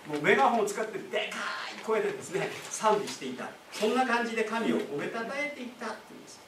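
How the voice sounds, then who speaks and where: High-voiced pastor preaching in an echoey hall. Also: male voice, animated, fast, distant mic, background noise. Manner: conversational, explains with asides and rhetorical questions. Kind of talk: sermon. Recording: echoey room, speaker away from the mic.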